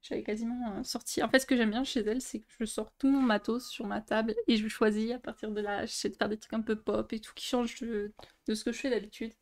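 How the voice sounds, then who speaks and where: Talking fast with a flat delivery, a young coloring-book YouTuber with a slightly high voice chats through a casual show-and-tell vlog. She displays her coloring books, restarting often and using many fillers.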